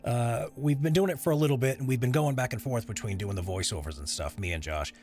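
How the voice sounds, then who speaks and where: A man with a mid-range, darkish voice talks fast while streaming himself editing voiceover audio. He chats loosely with viewers, rambling between tasks and answering chat as he works, in a casual live-stream style.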